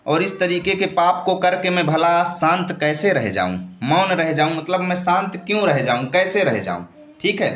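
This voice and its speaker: A man's voice: on the high side, fairly bright tone. A man teaching a Hindi poem line by line, paraphrasing each phrase and often checking in with "okay". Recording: echoey room.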